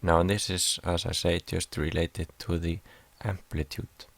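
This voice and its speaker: Very low gravelly man. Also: level tone, unhurried, no room sound. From Iceland. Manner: hesitant, many fillers and restarts. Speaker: music production student. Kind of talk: explaining a class assignment over slides.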